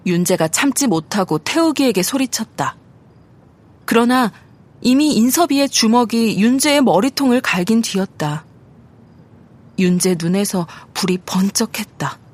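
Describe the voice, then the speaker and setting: A woman reading an audiobook story aloud in a steady, measured narration. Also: on the high side. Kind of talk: scripted narration.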